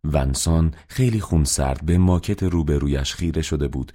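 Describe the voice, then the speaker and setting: Very deep, dark-voiced male narrator. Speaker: audiobook narrator. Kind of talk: scripted narration.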